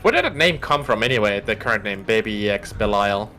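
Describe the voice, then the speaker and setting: During a game stream, a man who isn't a native English speaker chats casually, explaining at length and pausing to search for words. His voice is on the low side, expressive, pushed and bright, and quick, with faint music behind.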